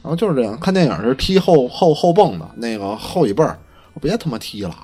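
A man with a Beijing accent chatting casually and telling anecdotes in a colloquial, lightly profane, animated way. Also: mid-range voice, quick pace, husky, faint music behind. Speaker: podcast co-host.

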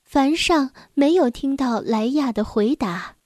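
A woman storyteller reads a children's story slowly and gently in a high voice. The sound is close and dry, with no room around it. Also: animated, no echo.

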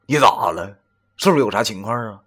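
A man playing a laid-back, boastful male buddy talking on the phone, full of flavor and teasing. His pitch swings lively and upward, and his voice is bright and animated. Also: fairly quick. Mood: puzzled. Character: chatty middle-aged male buddy on the phone.

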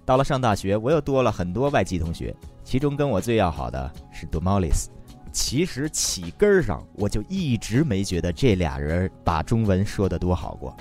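A woman's voice: very deep voice, big pitch swings, moderate pace, a little mellow, faint music behind. A woman with hosting and narrating a comedy radio sketch, bickering in a mock-indignant way. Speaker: host and narrator.

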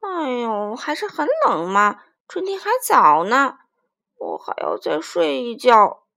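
A grumbling, half-asleep frog, put on by a woman reading a storybook, its voice pitched high and loud. It talks in a bothered, drowsy way. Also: wildly swooping pitch, slow, vocal fry, heavily acted. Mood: grumpy sleepy. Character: sleepy grumpy frog waking from hibernation. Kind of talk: storybook voice acting.

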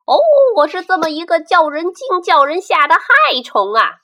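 Woman doing a cocky male centipede, high, loud, bright, sing-song rhymes, storybook. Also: big pitch swings, a little slow, heavily acted. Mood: boastful. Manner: loud, gleeful bragging and sing-song rhyming. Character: boastful male centipede, a proud, cheeky pest. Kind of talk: storybook reading.

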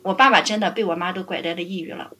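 A middle-aged woman caring for her parents, telling stories in a lively way and laughing often. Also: lowish voice, rapid-fire, breathy edge. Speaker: family caregiver guest. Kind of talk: casual interview storytelling.

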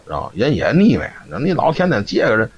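A man's voice: fairly low pitch, wildly swooping pitch, fast talker, slightly rough. A man telling a folk ghost story on a live stream, chatty and always checking "you know?". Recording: dull lo-fi stream audio, faint noise.

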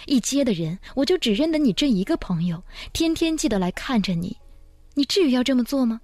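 A woman's voice: medium pitch, steady tone, moderate pace, dark tone, husky, no echo. A woman voicing a frustrated, impulsive young male official in a love story read aloud, agitated and stammering. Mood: accusing.

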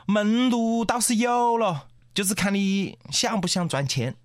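A man's voice: high-pitched, steady tone, dry recording, studio quality. A man with a Changsha accent playing a sly, slick middle-aged boss who coaxes a friend into a deal. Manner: sly, coaxing, drawn-out.

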